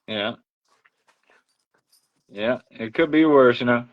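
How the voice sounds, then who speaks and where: Casting: male livestream host, mid-range voice, talkative and informal, muffled low-fidelity sound. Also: slow pace. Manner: chatty storyteller, acts out others' remarks. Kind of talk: casual livestream chat. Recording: dull lo-fi audio.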